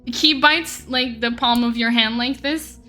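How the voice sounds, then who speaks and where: A woman narrating a tabletop game as game master in a casual, animated way. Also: a little high, unhurried, soft background music.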